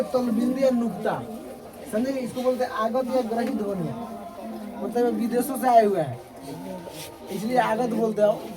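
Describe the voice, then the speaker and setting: A man's voice: extremely high pitch, rough recording. Man drilling sounds in class. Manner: drills sounds aloud, repeats and checks students. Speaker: teacher. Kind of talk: classroom grammar lesson. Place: classroom with pupils.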